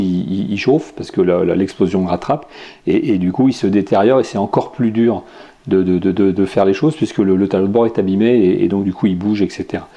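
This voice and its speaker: A French man with a low, dark voice hosts a podcast, casually reviewing tech and games with lots of fillers and restarts. He's an adult with children.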